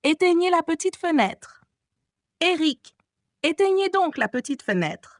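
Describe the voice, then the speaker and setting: A woman's voice: mid-range voice, big pitch swings, moderate pace, no echo, clean studio sound, lightly acted. A woman voicing a frightened young woman singer who pleads and begs in a gothic audiobook. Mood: pleading. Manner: pleading, anxious.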